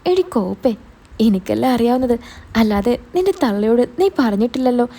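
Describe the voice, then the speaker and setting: A woman's voice: fairly high pitch, animated, normal speed, dark tone, husky. A woman voicing a scheming young man who bosses his sister and dodges his mother, talking in a casual, teasing way. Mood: bossy. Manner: casual, bossy, teasing talk.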